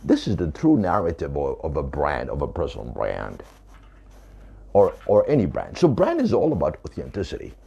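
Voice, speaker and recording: Very deep gravelly man, emphatic. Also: wildly swooping pitch, moderate pace, warm tone, dull audio. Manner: emphatic, repeating points. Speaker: author. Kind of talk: talking to camera about his book.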